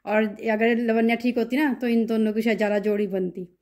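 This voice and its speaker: A woman talking softly to her children and the camera at home late at night, recorded on a phone. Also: a little high, steady tone, brisk. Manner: soft, coaxing talk to children at night. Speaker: vlogger, mother. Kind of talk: casual home vlog.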